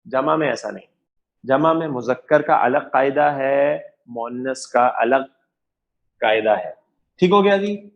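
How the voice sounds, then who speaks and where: A man's voice: medium pitch, a bit bright, muffled recording. A man teaching an Arabic grammar class, patiently repeating examples and checking that his students follow. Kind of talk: lecture.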